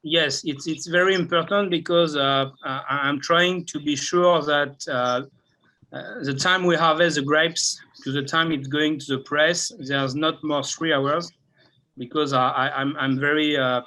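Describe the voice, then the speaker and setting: A French man speaking English with a French accent, presenting his winery's rosé in halting, searching phrases. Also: a little high, fairly even intonation, pushed and bright, rough recording. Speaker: winemaker. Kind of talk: online tasting talk.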